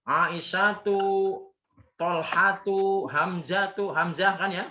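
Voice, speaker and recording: An Islamic teacher with a high, bright, forceful voice keeps a steady tone at a slow pace as he drills students in Arabic grammar, repeating words and quizzing them call-and-response style. The sound is echoey, dull, lo-fi and faintly noisy.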